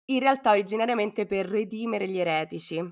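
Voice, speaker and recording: A woman with a hoarse, cough-worn voice co-hosts a podcast, talking informally and playfully with plenty of slang. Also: mid-range voice, brisk. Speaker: podcast co-host. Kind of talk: casual podcast talk.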